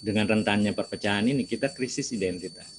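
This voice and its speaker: A man's voice: on the low side, fast talker, noisy background. A man giving a lecture to students, asking rhetorical questions and answering them himself. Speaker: seminar speaker.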